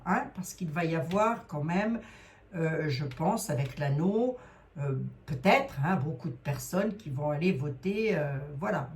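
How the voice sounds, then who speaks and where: A woman's voice: on the low side, a little mellow. A middle-aged woman with a Lorraine accent, doing a card reading in a hesitant, rambling way, with many fillers. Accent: Lorraine French. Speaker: psychic card reader.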